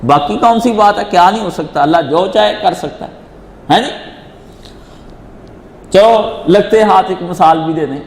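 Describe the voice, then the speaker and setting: Emphatic high-voiced man in an echoey hall. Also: pauses often. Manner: emphatic and repetitive, acts out quoted voices. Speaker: Islamic teacher answering questions. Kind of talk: religious question-and-answer lecture. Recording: echoey hall with faint noise.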